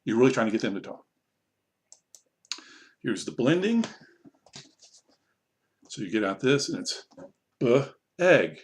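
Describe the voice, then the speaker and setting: Relaxed man explaining teaching steps. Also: mid-range voice, a little slow, long pauses. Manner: relaxed, conversational, self-correcting. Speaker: online ESL teacher. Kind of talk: casual tutorial explanation.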